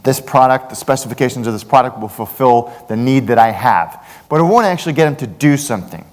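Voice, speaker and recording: Animated male keynote speaker in a hall. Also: quick pace. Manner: animated, jokey storytelling with big pitch swings. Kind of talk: conference keynote talk. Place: large conference hall.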